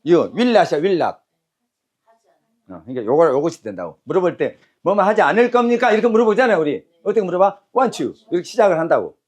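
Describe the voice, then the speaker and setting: Male teacher, slightly high voice, barking drill cues in a brisk lecture. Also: big pitch swings, a little mellow. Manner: brisk and commanding, barks cues and repeats phrases. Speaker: English teacher. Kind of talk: classroom lecture with call-and-repeat drills.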